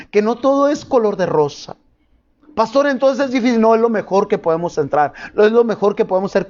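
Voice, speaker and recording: A man's voice: high voice, a little mellow, highs cut off. A pastor preaching a sermon to his congregation, asking them questions as he goes.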